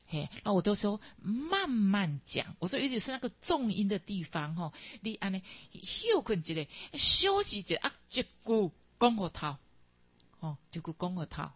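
Husky Taiwanese woman giving a dharma talk. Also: mid-range voice, big pitch swings, moderate pace, no room sound. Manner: digressive, mixes in Hokkien, frequent tag particles. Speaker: Buddhist teacher. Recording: dull, lo-fi dry recording.

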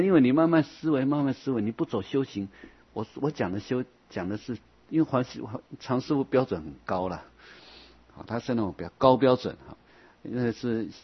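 A man giving a Buddhist dharma lecture, repeating phrases often and slowing down when he reads scripture aloud. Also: mid-range voice, slightly rough, lo-fi sound. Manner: repeats phrases often, starts lines with a soft "hao". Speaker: Buddhist teacher.

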